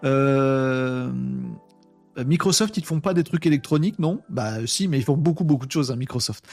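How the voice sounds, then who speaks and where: A man's voice: mid-range voice, animated, normal speed, a little mellow, faint music behind. A man hosting a live webinar, talking casually and with energy, using slang and addressing his chat viewers directly. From France. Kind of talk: casual live-stream talk.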